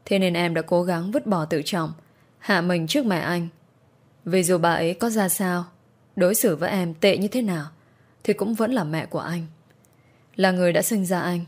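A young woman telling a first-person story in a plain, steady way. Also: on the low side, normal speed. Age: young adult.

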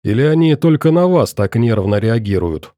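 A man's voice: mid-range voice, animated, dark tone, no echo, clean studio sound, lightly acted. A man voicing a coldly polite middle-aged interrogator in an audiobook, courteous and probing. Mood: pointedly polite. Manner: pointedly courteous, probing, deliberate.

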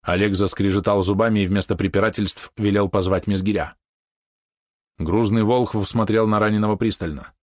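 A male audiobook narrator reading in an even, measured way. His voice sits low. The recording is dry and close. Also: no room sound. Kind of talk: scripted narration.

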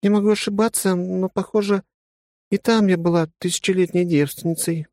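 A man's voice: sits high, steady tone, fairly quick, darkish tone, no echo, pitched above the performer's own voice. A man reading an audiobook, voicing a blunt, matter-of-fact warrior woman who has become a wife, in a raised voice. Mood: wistful. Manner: brusque, teasing, matter-of-fact. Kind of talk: audiobook character voice.

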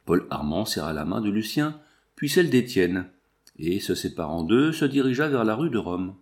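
A man narrating a nineteenth-century novel aloud in a measured, expressive reading. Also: on the low side. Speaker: audiobook narrator. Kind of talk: scripted narration.

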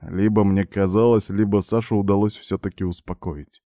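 Low dark-voiced male audiobook narrator. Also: fairly even intonation, no echo, studio quality. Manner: measured, brooding, gruff in dialogue. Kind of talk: first-person audiobook narration.

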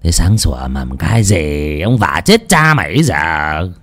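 A man's voice: big pitch swings, measured pace, mellow, breathy edge, exaggerated voice. Man doing a growling cruel old landlord. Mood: menacing. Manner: low growling, harsh threats.

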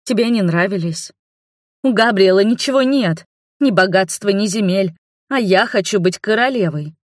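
A woman's voice: mid-range voice, moderate pace, no room sound, clean studio sound, voice pushed up, lightly acted. A woman voicing a spoiled young princess who is furious and demanding, speaking in a raised, indignant voice. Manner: indignant, shouting.

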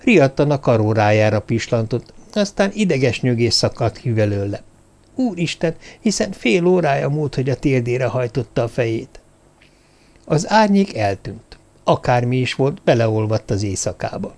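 A man narrating a suspense novel in a steady, measured audiobook reading. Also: medium pitch.

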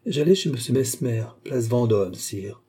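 A man voicing a calm, gentle noble princess whose replies trail off softly. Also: medium pitch, measured pace, breathy edge. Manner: soft, simple replies trailing off quietly.

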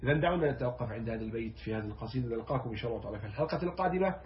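Fast-talking man explaining poetry. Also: mid-range voice. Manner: animated, rising loud when stressing a point; quotes verses slowly and gravely, then explains in dialect. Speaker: poetry teacher. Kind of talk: explaining classical poetry line by line. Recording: dull lo-fi sound.

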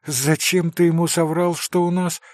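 A man's voice: on the high side, level tone, moderate pace, darkish tone, no room sound, studio quality, natural voice. A man voicing a timid, anxious schoolboy who talks in a nervous, pleading way.

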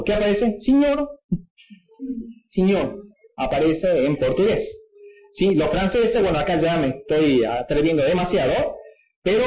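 Man, high voice, patient Bible teacher, echoey room. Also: a little mellow. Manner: didactic, frequent checking "¿sí?" asides. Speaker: preacher teaching at a whiteboard.

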